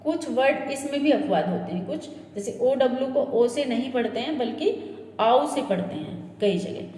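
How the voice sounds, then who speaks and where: A woman with a fairly high, mellow voice teaches pronunciation at a slow, patient pace. She repeats each example word and checks in often with her listeners. The room is echoey, with a long reverb and a faint hiss behind her. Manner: slow, repetitive drilling of example words; checks in with "ठीक है" and "है ना". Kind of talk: classroom-style lesson explaining word sounds.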